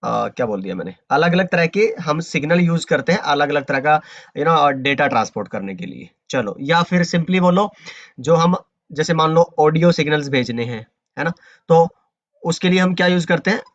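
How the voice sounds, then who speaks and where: Male networking instructor, online lecture, loose conversational delivery, slightly high voice, muffled dry audio. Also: expressive, normal speed, fairly bright tone, no echo. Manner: conversational teaching, mixing English terms into Hindi, many fillers.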